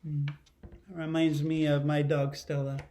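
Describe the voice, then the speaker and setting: Reading a picture book aloud the way a teacher would, this middle-aged man speaks slowly in a voice that's high for a man yet dark in tone, with little pitch movement. He tells the story expressively and stops to put questions to his young listeners. The setting is a living room at home, with slight background noise.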